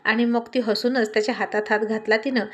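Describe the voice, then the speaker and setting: A woman narrating a romantic story in a lively, expressive reading. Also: fairly high pitch, fairly quick.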